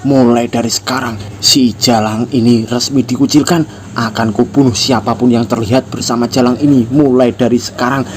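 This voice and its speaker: A man voicing a blunt, tough high school boy who was once a gangster, speaking in a curt, scornful and threatening way. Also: steady tone, normal speed, darkish tone, a little hiss or hum, lightly acted. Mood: loud threatening.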